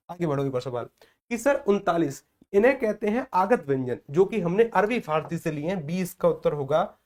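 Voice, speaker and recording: Hindi-speaking man teaching a grammar lesson. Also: on the high side. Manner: repetitive, checks in with listeners often. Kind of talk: explaining mock test answers in a lesson.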